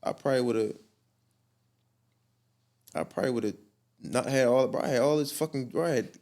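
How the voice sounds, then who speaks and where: A man's voice: mid-range voice, brisk, a little mellow. A young man speaking as a guest, telling his story in slangy, profane talk full of restarts. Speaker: guest artist. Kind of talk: candid storytelling interview.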